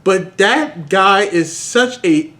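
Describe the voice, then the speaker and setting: A woman co-hosting a comedic dramatic reading, giggly and animated. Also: mid-range voice, slow pace. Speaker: co-host reading aloud.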